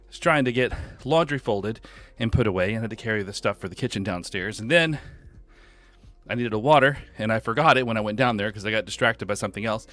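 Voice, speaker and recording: A man's voice: lowish voice, moderate pace, a bit bright. A man hosting a game live stream from home, chatting casually and greeting viewers by name.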